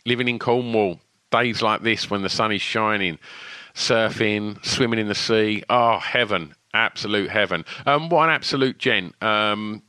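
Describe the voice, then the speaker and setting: Man, Essex accent, podcast host, lowish pitch, dry close sound, matey casual chat. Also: measured pace, sharp tone, no room sound. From Essex, England. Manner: effusive, matey, informal slang. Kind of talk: casual, chatty podcast talk. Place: small room at home, alone.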